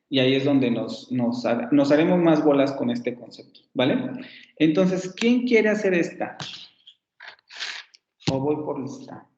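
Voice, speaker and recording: A man teaches an online phonetics class, circling back and repeating example words slowly. His voice sits a little high but sounds mellow. The audio is echoey and muffled, like a lo-fi online lecture. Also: slight background noise. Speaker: university phonetics professor.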